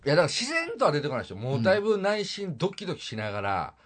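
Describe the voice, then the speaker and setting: Lively, fast Kansai man. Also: a little high. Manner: agreeable, slightly polite, thinking aloud. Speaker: podcast co-host. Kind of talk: casual chat about manga.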